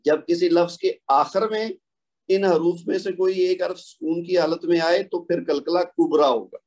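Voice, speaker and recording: A man with a slightly high voice teaches a recitation lesson. He explains each rule patiently, asks a question and answers it himself, and sounds out examples slowly. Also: steady tone, a little mellow. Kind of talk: tajweed lesson, explaining and modeling pronunciation.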